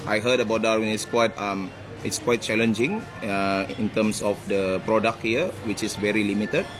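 A man who grew up in Malaysia speaks in a somewhat low voice, talking easygoing and a little halting as a head chef. He laughs easily between thoughts. Music plays clearly behind him. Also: level tone. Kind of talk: casual interview chat.

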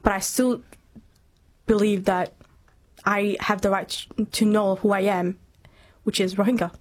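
Speaking a little slowly, this twenty-something woman from Myanmar keeps her mid-range voice nearly flat in pitch. As an interview guest, she reflects earnestly on personal experience.

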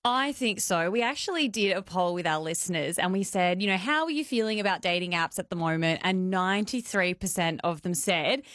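A woman guest on a radio interview, talking casually with a few fillers. Her voice sits a little low, and the recording is close and dry. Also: expressive, brisk, hardly any pauses, a bit bright, no echo. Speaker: radio guest, dating podcast host.

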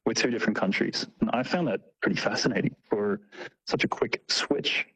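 Heard on poor audio, the guest's voice is lowish and fairly bright with a breathy edge, and he talks a little fast. He's a tour operator being interviewed, casually explaining and sharing anecdotes in slangy terms while acting out brief quotes.

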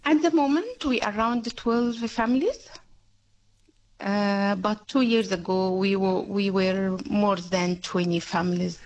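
Slow-speaking woman with an Egyptian accent. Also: mid-range voice, slight background noise. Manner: halting non-native English with frequent laughs. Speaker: interview guest. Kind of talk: radio interview.

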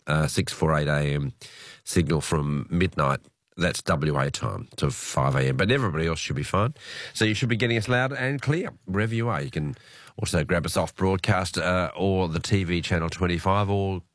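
A man with an Australian accent and a croaky, creaky voice from a slight cold, chatting casually as a late-night radio host. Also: deep voice, no echo, clean studio sound. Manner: chatty, conversational, with tag questions. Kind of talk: casual live radio talk. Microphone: close radio studio microphone.

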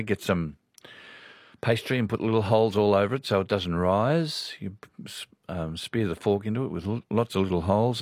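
A deep-voiced Australian man runs a radio program, reading listeners' messages aloud amid casual, meandering chat. The sound is dry and of studio quality.

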